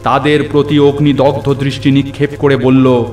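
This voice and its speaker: This man narrates a scripted horror cartoon story in a dramatic storytelling style, his medium-pitched voice flat, moderately paced and slightly mellow. The recording is echoey, with background music coming through clearly.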